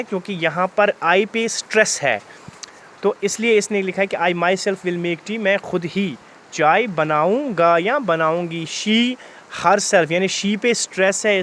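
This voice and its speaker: A man teaching English grammar in Hindi, reading example sentences out slowly word by word and calling his students "beta". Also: high-pitched, a bit bright, slight background noise.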